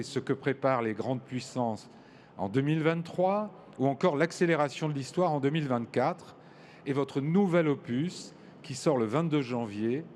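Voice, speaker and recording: Male panel moderator, formal and measured, mid-pitched, faint noise behind. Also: darkish tone. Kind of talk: moderating a live panel discussion. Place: large hall at a public event.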